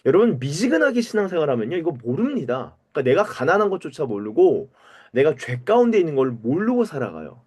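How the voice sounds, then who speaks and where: A pastor leading a Bible study, asking questions and calling on people to read. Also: male voice, a little high, fast, breathy edge. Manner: animated, asks the group questions and calls on readers.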